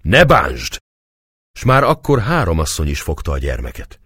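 Low expressive male audiobook narrator. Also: breathy edge, dry recording. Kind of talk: audiobook reading of a novel.

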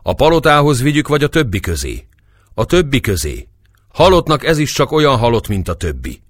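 Rough peasant men hauling the fallen, blunt and matter-of-fact, their voices pitched up well above the narrator's, as a male reader puts them on. The sound is dry and close, with no room around it. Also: sing-song, no echo. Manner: blunt, folksy.

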